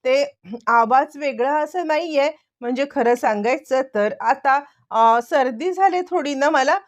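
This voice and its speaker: A woman's voice: sits high, unhurried. A woman voicing a young man who gives evasive answers on the phone.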